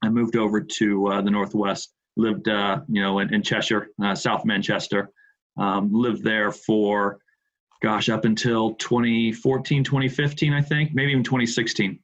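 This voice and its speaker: A middle-aged Midwestern American man from Indianapolis chats casually as a podcast guest in an interview. His lowish voice has little pitch movement and normal speed, and the recording is muffled. He tends to repeat words as he starts his thoughts.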